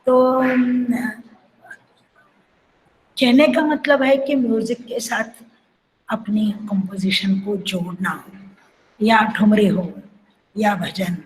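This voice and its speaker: Slow-spoken older woman dance teacher. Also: mid-range voice, fairly even intonation, low-quality recording. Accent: Marathi. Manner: reflective, sings phrases to illustrate. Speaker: kathak guru teaching. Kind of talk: lecture with sung syllables.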